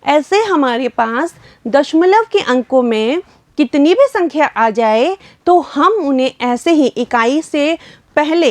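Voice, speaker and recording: Slow, high-voiced woman teaching children. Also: no echo. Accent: Rajasthani Hindi. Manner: patient, addresses children repeatedly. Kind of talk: primary school math lesson.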